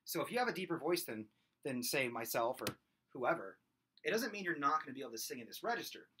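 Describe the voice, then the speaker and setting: With big pitch swings and a quick pace, this vocal coach in his thirties gives an informal singing lesson to a webcam in his home. His voice is small, nasal, somewhat whiny, bright and forceful; he talks with his hands and belts high screams. A little hiss or hum is audible.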